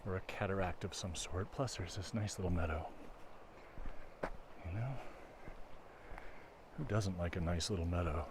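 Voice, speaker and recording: A man's voice: deep voice, measured pace, pauses often. A man casually narrating a nature walk outdoors by a babbling creek, musing in an easygoing, appreciative way. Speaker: host of walking videos. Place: outdoors on a forest mountain trail by a creek. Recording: clear outdoor nature noise.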